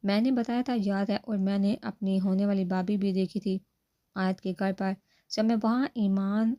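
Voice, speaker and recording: Woman doing a fretful young man, mellow low-key voice, storybook reading, worried questions. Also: fairly even intonation, natural voice. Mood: anxious. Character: young man, anxious lovesick friend.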